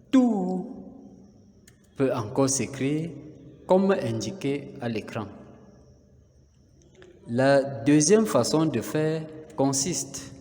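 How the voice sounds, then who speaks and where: A man narrates a lesson at a slow, deliberate pace, laying out each step methodically with pauses between phrases. His voice is dark and mellow, and a long reverb trails behind it. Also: medium pitch. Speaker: teacher.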